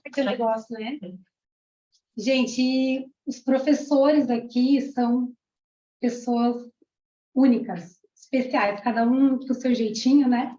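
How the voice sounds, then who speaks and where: A woman's voice: on the high side, steady tone, slow. A woman from Argentina, a parapsychologist and teacher in her thirties, giving an emotional, chatty testimonial to a class. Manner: warm, emotional, chatty, many "né"s. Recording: roomy, dull lo-fi room sound.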